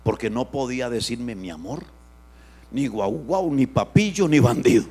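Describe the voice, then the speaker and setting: A man pastor, preaching an animated sermon that swings from loud outbursts to hushed asides. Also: mid-range voice, moderate pace, husky.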